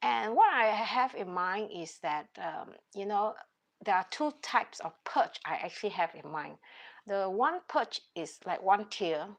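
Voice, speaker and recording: A woman's voice: mid-range voice, expressive, unhurried. A woman with a Singaporean accent, chatting casually to viewers as a channel host in a hesitant, meandering way full of verbal asides. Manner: hesitant, meandering, with "you know" and "like" as constant asides.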